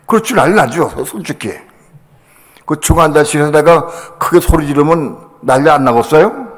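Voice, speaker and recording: An older man, a pastor, telling a personal story in a sermon, acting out other voices with sudden loud bursts. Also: on the high side. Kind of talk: sermon testimony. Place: church sanctuary. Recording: long hall reverb.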